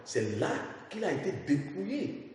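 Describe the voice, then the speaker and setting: A man speaking as a guest on a religious talk program, animated and given to echoing the host's words. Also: high voice, measured pace, recorded from a distance. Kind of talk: radio talk discussion.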